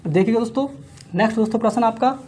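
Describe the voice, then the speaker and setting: This male maths teacher preps students for exams, rattling off times-table chants while solving problems out loud. Nearly every line addresses the audience as friends, and he poses questions only to answer them himself. His pitch is very high and his tone darkish, with a slight hiss or hum.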